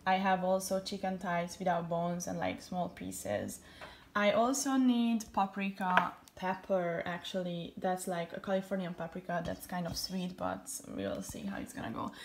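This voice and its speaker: A woman's voice: on the low side, animated, moderate pace, noisy background. A young woman from Hungary with a Hungarian accent, chatting casually through a home cooking tutorial with lots of fillers. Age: young adult. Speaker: cooking vlogger.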